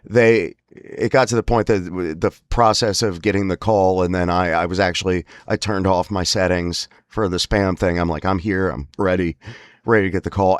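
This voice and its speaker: Sitting low, the man's voice strains and breaks spasmodically from spasmodic dysphonia. As host of a lifestyle series about that voice disorder, he offers a casual, wry monologue that rambles and stresses its points, recorded clean in a studio without echo.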